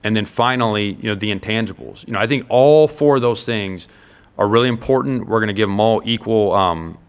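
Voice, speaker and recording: Fairly low in pitch and a little fast, his voice sounds clear and resonant. The speaker, an American man who coaches college football, makes his points one by one with earnest emphasis during a conversational interview.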